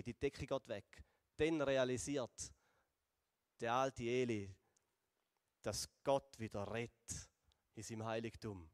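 Swiss German pastor preaching in a hall. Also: male voice, mid-range voice, clean studio sound. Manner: lively storytelling, slowing and dropping softer for emphasis. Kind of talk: sermon retelling a Bible story.

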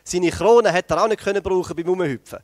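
A man preaching a lively sermon, telling the story with energy and speaking straight to the congregation. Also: high voice, fairly quick, no echo. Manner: animated storytelling, addresses the congregation directly.

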